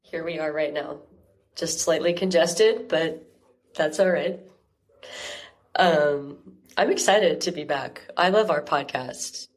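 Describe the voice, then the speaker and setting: A woman co-hosting a podcast, slightly congested, explaining things in a halting, thoughtful way. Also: low voice. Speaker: podcast co-host. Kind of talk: casual podcast chat.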